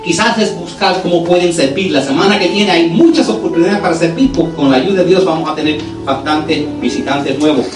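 A pastor preaching a sermon in church, earnest and turning lively when he tells a story, with English words dropped in. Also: fairly high pitch, a little fast, few pauses, recorded from a distance. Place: church sanctuary. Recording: echoey church hall, voice from afar, music under it.

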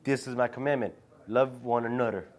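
A man interpreting a sermon live in a church, with a quick, matter-of-fact delivery. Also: mid-range voice.

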